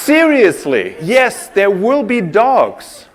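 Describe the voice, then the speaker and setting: Speaking directly to his audience from a conference stage, a man gives a keynote-style presentation as an animated storyteller who pulls the crowd in. His voice runs a little higher than most men's and rises and falls widely through his stories. He goes slowly, with faint background noise.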